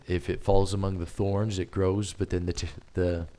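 A man preaching a sermon as a visiting missionary, in a plain conversational way, halting often with fillers and restarts, his voice a little strained. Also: low voice, little pitch movement, warm tone. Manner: hesitant, many fillers and restarts.

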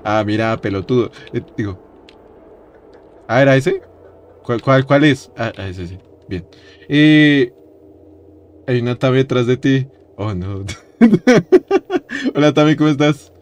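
A young man streaming a horror game, jumpy and loud, yelping in fright, chanting phrases over and over and laughing often. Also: medium pitch, very animated, slow, long pauses, a little hiss or hum. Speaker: gaming streamer. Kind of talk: let's-play game commentary.

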